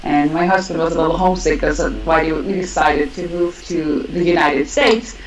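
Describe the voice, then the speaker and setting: A woman in her forties from Switzerland, with a lower voice, chats in a friendly way. Her voice comes across with room echo and a faint noise behind it. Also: normal speed. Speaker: roundtable guest, language teacher. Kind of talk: casual conversation.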